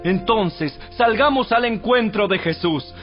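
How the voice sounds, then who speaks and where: A man narrating a dramatized audio Bible from a script in a solemn, measured, exhorting manner. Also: high voice. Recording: dull radio-like sound with music behind. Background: music.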